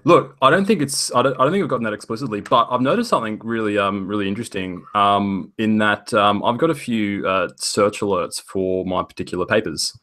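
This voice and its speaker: A man co-hosting a podcast, chatting casually in a halting way with many restarts. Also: lowish voice, a bit bright. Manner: hesitant, many fillers and restarts, laughs easily. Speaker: podcast co-host. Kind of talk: casual chat.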